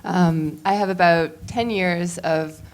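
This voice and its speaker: Very low-voiced woman addressing an audience. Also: fairly even intonation, takes it slowly. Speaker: chief marketing officer, panelist. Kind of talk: self-introduction in front of an audience. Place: live event in front of an audience. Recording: live room with faint noise.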